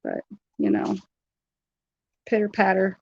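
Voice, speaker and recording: A woman's voice: mid-range voice, wildly swooping pitch, slow pace, gravelly, a little mellow, slightly rough, lo-fi sound. A woman hosting a casual live stream from home, chatting with viewers, greeting them by name and laughing often.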